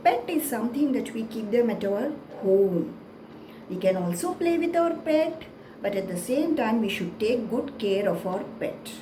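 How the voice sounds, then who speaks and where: A woman's voice: fairly high pitch, very animated. A woman with an Indian accent giving a children's craft lesson as a teacher, in a broad singsong manner with simple repeated questions. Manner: slow, deliberate, repetitive teaching. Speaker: preschool teacher. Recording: roomy echo, clearly noisy background.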